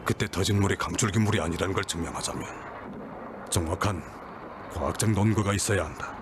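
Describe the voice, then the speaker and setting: A deep, low voice belongs to a steady, fatherly mine director, played by a man. He speaks in a measured, reassuring way. Hiss and noise run under the broadcast recording. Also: close to an everyday voice. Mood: calm. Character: older male mine director, calm and paternal.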